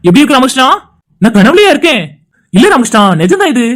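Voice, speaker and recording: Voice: high-pitched, fast talker, music in the background. An actor voicing cheerful young men joking among friends. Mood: warm. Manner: lively, teasing banter. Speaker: cartoon voice actor. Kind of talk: animated family drama dialogue.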